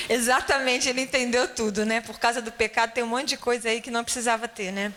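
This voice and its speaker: A Brazilian woman shares a personal testimony with a church class, chatting through it with constant tag questions. Her voice is bright and pitched a little high, with a faint hiss under it. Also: steady tone, fairly quick. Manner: conversational storytelling, frequent tag questions. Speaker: Bible-school teacher.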